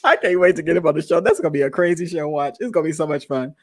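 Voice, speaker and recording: Excitable woman host, lively low voice. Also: very fast. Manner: excitable, gushing, laughs often. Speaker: talk show host. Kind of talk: live-stream talk show.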